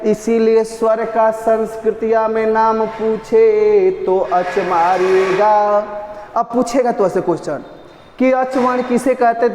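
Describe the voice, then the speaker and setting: A man's voice: high-pitched, darkish tone, a little hiss or hum. A man teaching an exam-prep lesson, repeating terms and chanting lines to drill them. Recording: echoey roomy reverb.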